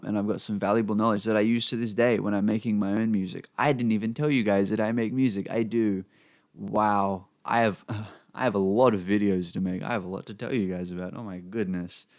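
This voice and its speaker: A man's voice: lowish voice, creaky, a little mellow, no echo. A young Australian man rambling unscripted to camera as a vlogger, swearing freely and filling his talk with "you know" asides, recorded on a desk microphone at his computer. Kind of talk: unplanned rambling monologue. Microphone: desk microphone he sometimes pops.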